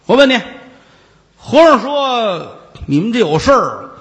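A man voicing a stern county magistrate who barks sharp questions. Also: extremely high pitch, sing-song, measured pace, big-room sound, pitched above the performer's own voice, exaggerated voice. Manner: barking commands, sharp questions.

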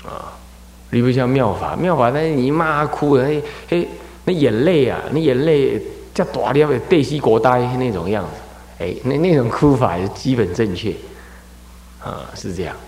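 A man from Taiwan, a Buddhist abbot, gives an animated dharma lecture and acts out scolding parents and crying children. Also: medium pitch, normal speed. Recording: echoey hall with long reverb.

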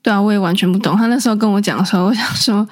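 Chatty young woman, mid pitch. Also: racing. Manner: chatty, laughs easily. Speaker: podcast co-host. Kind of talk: casual chat.

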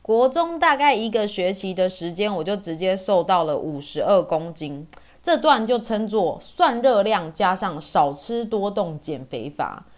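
A woman's voice: medium pitch, expressive, unhurried. A woman in her forties from Taiwan with a Taiwanese Mandarin accent, telling personal stories as a podcast host in a chatty, colloquial way. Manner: chatty, colloquial, with sentence-final particles. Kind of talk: casual personal storytelling.

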